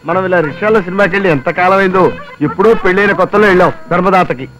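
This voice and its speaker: An actor playing an exasperated, self-pitying husband who complains in a film comedy scene. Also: male voice, high voice, fast talker, music in the background, lightly acted, poor audio. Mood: bickering. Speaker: henpecked husband.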